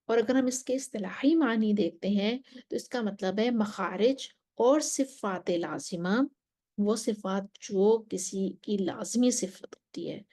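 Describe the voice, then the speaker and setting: A woman teaching a Quran recitation lesson, explaining slowly and carefully, with Arabic recitation between points and some soft whispered remarks. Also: mid-range voice. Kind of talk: religious lesson.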